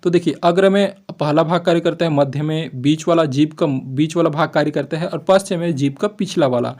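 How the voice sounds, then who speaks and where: A man teaching an exam-prep lesson, explaining step by step, asking rhetorical questions and answering them himself, often checking in with his class and slowly drawing out vowel sounds as examples. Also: a little high, a little mellow.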